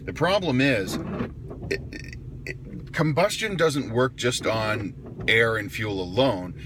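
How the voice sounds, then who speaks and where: A man's voice: mid-range voice, lively intonation, takes it slowly. An older man giving casual, opinionated car advice in a blunt, grumpy, disapproving manner. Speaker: car enthusiast vlogger. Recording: loud car and traffic noise.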